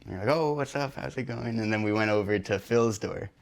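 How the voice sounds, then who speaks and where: A man's voice: lowish voice, brisk, creaky. A young man from Ontario, telling in a casual, rambling way how he met his friends in a documentary interview. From Ontario, Canada. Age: young adult.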